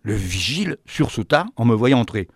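A man telling a fantastic tale in an expressive, theatrical way. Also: mid-range voice, normal speed, husky, dry recording, studio quality. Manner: animated, theatrical. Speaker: storyteller.

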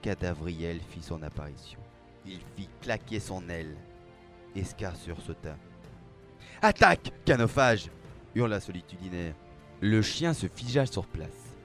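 A man narrating a dark fantasy story aloud, with a measured, dramatic reading. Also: low-pitched. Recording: faint background music.

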